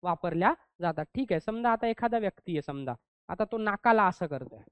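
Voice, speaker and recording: A man leads a grammar lesson, checking in with his students and drawing out each English example slowly. The sound is dry and close, with a dull, muffled lo-fi quality. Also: high-pitched, animated, clear, resonant tone, dry recording. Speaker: English teacher.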